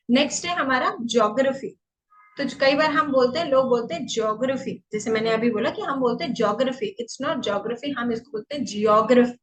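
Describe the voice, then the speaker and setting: Indian lady teacher, kinda high voice, slowly stretching out syllables to show how words sound. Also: slight background noise, poor audio. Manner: slow, drawn-out syllables when demonstrating words. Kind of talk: pronunciation lesson.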